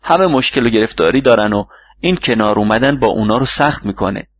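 Patient fatherly mentor read by a man, husky voice, dull dry recording. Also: fairly low pitch, no echo. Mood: advising. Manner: calm, instructive, fatherly. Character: wise older male mentor gardener, patient. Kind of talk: audiobook reading.

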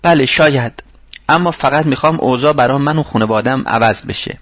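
Male reader voicing eager polite young family man, raised husky voice, dull dry audiobook sound. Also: mid-range voice, voice pushed up, natural voice. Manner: polite, excited replies.

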